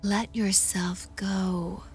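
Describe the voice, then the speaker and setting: A woman doing an ASMR role-play as a hypnosis guide, murmuring softly and breathily right into the ear, teasing, coaxing and gently commanding. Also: mid-range voice, flat delivery, drawn-out words, faint music behind. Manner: soft, intimate, breathy close-up murmur, right in the ear, often slipping into soft voice. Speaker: hypnosis audio host.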